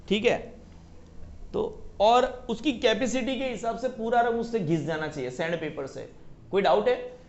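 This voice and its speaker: A man's voice: high-pitched, dull audio. A male economics teacher giving a classroom lecture, mixing Hindi and English, often asking students if they have any doubt and singing a catchy mnemonic line.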